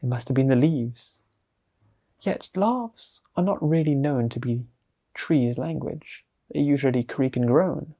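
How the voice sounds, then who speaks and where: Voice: mid-range voice, unhurried, mellow, lo-fi sound. A storyteller narrating a fantasy tale in a chatty way, with frequent asides to the listener.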